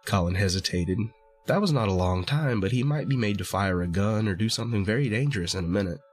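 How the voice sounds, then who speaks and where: A man reading a classic holiday storybook aloud in a measured storytelling manner. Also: lowish voice, soft background music. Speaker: podcast host reading a story. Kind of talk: storybook narration.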